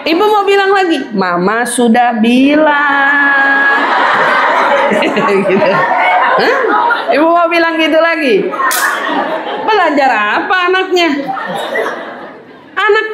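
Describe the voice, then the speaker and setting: A woman preacher giving a parenting lecture in a mosque, acting out mothers' lines and laughing often. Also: sits high. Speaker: Islamic preacher. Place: mosque hall with audience. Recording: echoey hall, audience noise.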